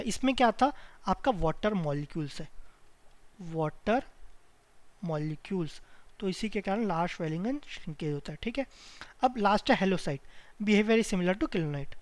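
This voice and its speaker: A man tutoring for an exam, who asks himself quick questions, answers them and repeats key terms, with English phrases mixed in. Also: sits high, dry recording. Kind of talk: explanatory lecture over slides.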